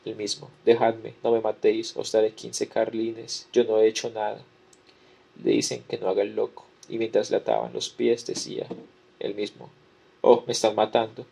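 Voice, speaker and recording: A man lecturing, reading a historical record aloud in a measured way and repeating the same formula as he goes. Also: lowish voice, gravelly, a little mellow, slightly rough.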